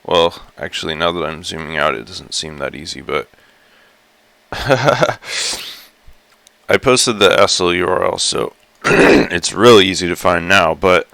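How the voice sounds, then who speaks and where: Groggy gravelly-voiced man streaming, slow and deep. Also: expressive, bright, forceful tone, no room sound. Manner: rambling, chatty, many fillers and self-corrections. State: groggy just-woken morning voice. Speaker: live streamer exploring a virtual world. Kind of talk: casual live-stream commentary.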